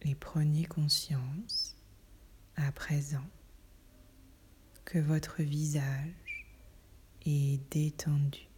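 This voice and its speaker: Woman, soothing whisper, guided relaxation, low and mellow, soft breath, long pauses. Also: flat delivery, slightly rough. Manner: slow, soothing spa-like delivery with long pauses.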